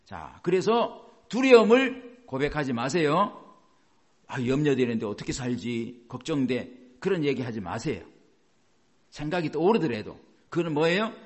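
A man preaching a sermon as a pastor, animated and often acting out the voices he quotes. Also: a little high, normal speed.

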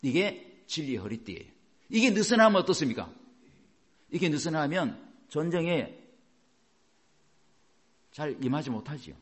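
A man's voice: a little high, very animated, moderate pace, pauses often. A male pastor preaching a sermon, emphatic and asking his congregation rhetorical questions.

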